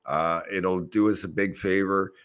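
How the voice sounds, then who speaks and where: A man's voice: low voice, steady tone, measured pace, fairly bright tone. A man co-hosting a hockey podcast, giving blunt, dry opinions in casual chat. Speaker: podcast co-host.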